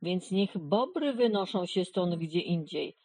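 A woman's voice: on the low side, expressive, a little slow, a little mellow, breathy edge, exaggerated voice. Woman doing clucking quarrelsome hens. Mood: squabbling. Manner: clucking, drawn out.

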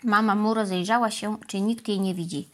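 A woman narrating a children's storybook in a gentle, even manner. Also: medium pitch, normal speed.

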